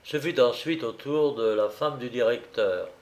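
A man narrating a courtroom crime story in a measured storytelling reading. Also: medium pitch. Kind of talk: dramatic reading of a crime chronicle.

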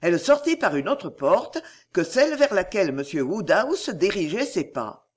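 A woman narrating a classic novel as an audiobook, her voice husky and breathy at mid pitch. Her reading is expressive and measured, with intonation that rises and falls in a lively way. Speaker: audiobook reader.

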